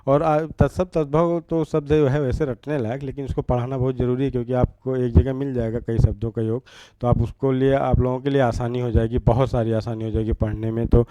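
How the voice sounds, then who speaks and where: A man's voice: mid-range voice, fairly even intonation, brisk, few pauses, mellow, dry recording. A man teaching an exam-prep grammar lesson, repeating each word and asking rhetorical questions as he writes.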